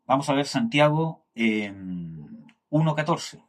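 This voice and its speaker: A man teaching a Bible class, often checking in with his listeners and pausing to search for words. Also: mid-range voice, very animated. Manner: keeps checking in with "¿cierto?" and searches for words aloud.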